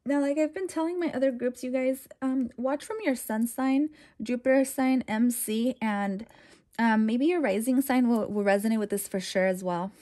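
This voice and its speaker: A woman's voice: a little high, normal speed, mellow. A young adult woman doing a casual tarot reading, chatty and reassuring, with lots of loose fillers as she talks to viewers. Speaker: tarot reader.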